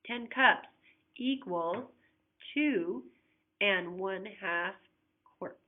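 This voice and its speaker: Speaking very slowly at medium pitch, a woman teacher records a flipped-classroom math lesson on unit conversions. She explains each step patiently and asks students to check along, though repeated coughs break in, and the audio is tinny like a phone.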